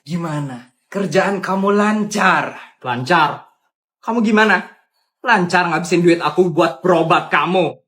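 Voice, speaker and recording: Dude doing a shrill nasty greedy wife, mocking, high and snappy. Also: male voice, fairly bright tone. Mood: scornful. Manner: scornful, shrill and fast when angry. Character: contemptuous greedy wife and mother.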